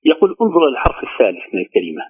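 A man teaching Quran recitation, slowly drawing out each word he demonstrates. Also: mid-range voice, wildly swooping pitch, slight background noise. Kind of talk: recitation lesson. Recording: tinny phone-line sound.

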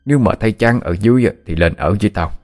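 A man doing Aphone, a low calm woodsman. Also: racing, faint music behind, natural voice. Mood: kindly. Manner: steady, matter-of-fact, explaining. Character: seasoned man of the forest, calm and knowing.

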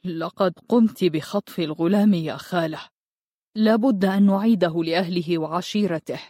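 A woman's voice: on the low side, normal speed, warm tone, no room sound, clean studio sound, natural voice. A woman voicing a tall, dignified young village man who speaks firmly and reproachfully.

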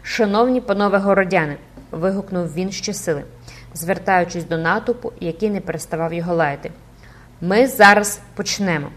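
A woman's voice: on the low side, fairly quick, close to an everyday voice. A woman reading an audiobook, voicing a frightened male stage actor who trembles and mutters.

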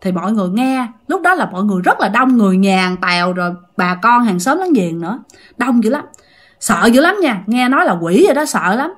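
Woman, Southern Vietnamese accent, chatty ghost-story teller, fairly high, lively voice. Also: fairly quick. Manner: chatty, addresses listeners directly. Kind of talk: casual ghost-story telling.

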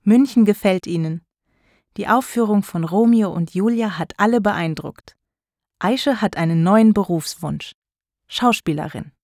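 A woman's voice: medium pitch, a little mellow, no echo. Woman narrating a storybook, dry sound. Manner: clear, measured reading. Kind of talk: scripted narration of a graded reader.

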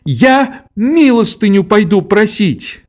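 A man voicing a fierce, tearful little orphan girl in an audiobook, with shrill, defiant, sobbing outbursts. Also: big pitch swings, slow, exaggerated voice. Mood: hysterical.

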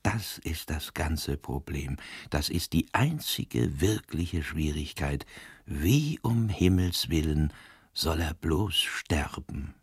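A man reading the lines of a calm, sharp-minded old priest detective in a grave, slow voice that drops to a hushed whisper. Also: low voice, breathy edge, no echo, studio quality, exaggerated voice. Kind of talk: scripted narration.

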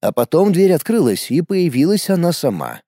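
A man reads a first-person adventure audiobook in a lively, animated way, his pitch moving a lot. His tone is dark and mellow, somewhat higher than most men's. The close recording is dry, with no room sound. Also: moderate pace, no room sound. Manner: lively storytelling with shouted character lines. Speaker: audiobook narrator.

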